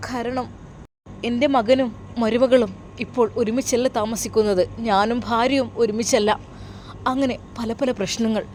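A woman voicing an anxious, ashamed middle-aged male worker who speaks in a halting, subdued way. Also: a little high, steady tone, darkish tone, a little hiss or hum, lightly acted. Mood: ashamed hesitant.

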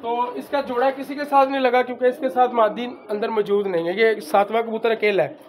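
Man from Pakistan, high voice, loud and emphatic, pigeon seller vlog, faint background noise. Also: steady tone, brisk. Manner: loud, emphatic, repeating stock phrases. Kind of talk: casual handheld show-and-tell.

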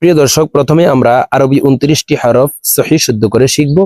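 A man teaching a recorded lesson on letter pronunciation. He repeats each letter slowly so listeners can copy him. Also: mid-range voice, darkish tone, no room sound. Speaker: Quran teacher.

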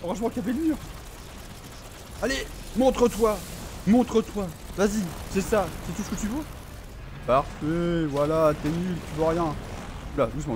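Excitable swearing male gaming streamer. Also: high-pitched, noisy background. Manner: excitable, swears often, talks back to the enemy on screen. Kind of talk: live gameplay commentary.

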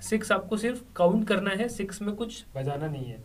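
A man's voice: high voice, expressive, brisk. A male tabla teacher who explains a rhythm patiently, step by step, and often checks with the listener. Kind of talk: spoken music lesson with counting and drum syllables. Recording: tabla playing loud behind the voice, voice sometimes far from the mic.

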